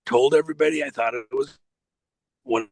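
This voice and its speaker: A man speaking as a guest on a remote call whose audio glitches and breaks up, talking emphatically with halting restarts. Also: mid-range voice, creaky, no room sound. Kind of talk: casual political chat. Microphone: remote call connection.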